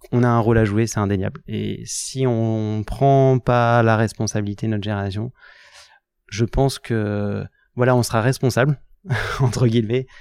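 A man in his thirties speaks in a relaxed interview. His voice is mellow and dark, and the sound is dry and close. He is earnest and halting, stumbling over his words as he goes. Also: mid-range voice, clear, resonant tone, no room sound. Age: 30s. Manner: earnest, halting, many restarts. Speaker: guest. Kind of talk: casual interview talk.

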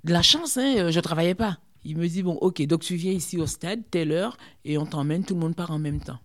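A middle-aged woman from Guadeloupe, a former sprinter telling her story in an interview, chatty and lively with lots of fillers. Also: on the low side, fairly quick. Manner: lively, chatty, full of fillers like hein and quoi.

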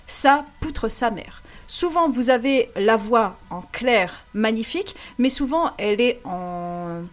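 A woman co-hosting a casual podcast, reviewing music with playful enthusiasm and frequent laughs. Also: a little high.

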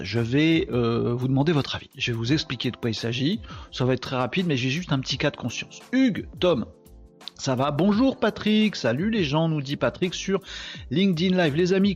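A man's voice: medium pitch, highs cut off. A tired man hosting a daily live stream, chatting casually and joking with viewers he greets by name.

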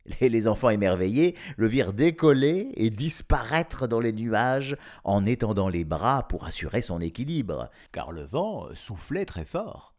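A man reading a children's story aloud in a playful, animated way, with chuckling asides. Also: mid-range voice.

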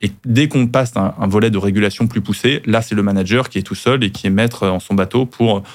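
A man's voice: lowish voice, brisk. A man who is a lawyer, guest on a podcast, explaining things at length with frequent restarts.

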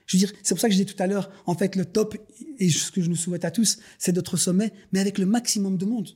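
A man's voice: high voice, fairly even intonation, quick pace, warm tone, slightly rough. A man, a podcast guest talking earnestly and at length in a casual conversation, like someone giving a sermon. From Belgium. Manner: earnest, preachy storytelling, addresses listeners as "les gars". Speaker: podcast guest, business owner.

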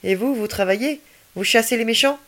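A woman's voice: on the high side, brisk, a bit bright, pitched above the performer's own voice, natural voice. A woman voicing Ami, a cheerful alien boy. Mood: carefree. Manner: playful, unruffled, laughing easily. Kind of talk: children's story reading.

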